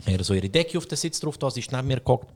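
Young swiss german guy telling a rant story, swears a ton, pitch jumps all over. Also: quick pace. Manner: animated, swears a lot, mocks people in put-on high voices. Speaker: podcast host. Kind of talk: casual storytelling.

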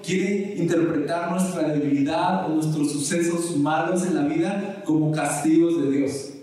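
Male preacher, exhorting sermon delivery, mellow tone, heard from a distance in a roomy space. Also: on the high side. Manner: earnest, exhorting, repetitive emphasis. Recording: echoey room, voice from mic distance.

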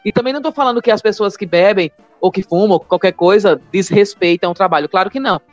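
A woman's voice: mid-range voice, quick pace, a little mellow, dry recording, faint music behind. Woman, Northeastern Brazilian accent, frank self-mocking comedian, dry close sound, dull lo-fi audio. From Maceió, Northeast Brazil. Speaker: stand-up comedian guest. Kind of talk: casual interview chat.

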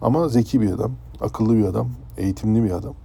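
A man from Turkey tells a personal story in a relaxed, conversational way, lifting his voice when the tale turns dramatic. His voice is deep, very dark and mellow, with a husky grain. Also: quick pace. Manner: conversational, animated when telling dramatic parts. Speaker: former ship's chef.

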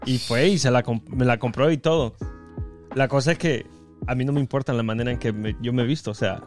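A man's voice: medium pitch, a little fast, faint music behind. A young man, co-hosting a casual podcast chat and telling stories that keep restarting and correcting themselves. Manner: rambling, self-correcting storyteller. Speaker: podcast co-host.

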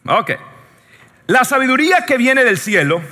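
A Latin American man preaches with a very high, piercingly bright voice. He tells jokey stories and keeps checking in with his congregation. His voice rings out in a long hall reverb. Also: measured pace. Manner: joking, animated storytelling, often asks the audience "yes or no". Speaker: pastor. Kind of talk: sermon.

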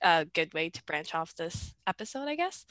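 A woman's voice: on the low side, sing-song, a little fast, a bit bright, no room sound. A woman in her twenties from the Philippines, a podcast guest talking casually over a video call, hesitant with many fillers and restarts, giggling between thoughts. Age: 20s.

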